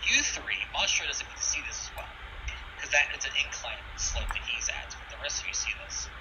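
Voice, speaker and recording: A man's voice: on the high side, sing-song, fairly quick. A man running a tabletop game as game master, moving between casual table talk and descriptive narration. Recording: distant mic with clear background noise.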